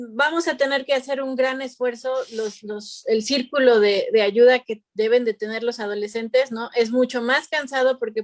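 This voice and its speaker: A woman's voice: on the high side, no room sound. A woman psychologist in a casual panel conversation, talking in a conversational way with many tag questions and restarts.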